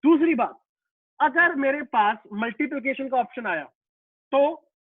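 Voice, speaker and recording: In an unhurried way and with lively intonation, a very high-voiced male physics teacher lectures live online, answering the questions he raises himself. Students are "beta" to him, and his explanations lean on ordinary examples. The audio sounds dry and tinny, as if over a phone.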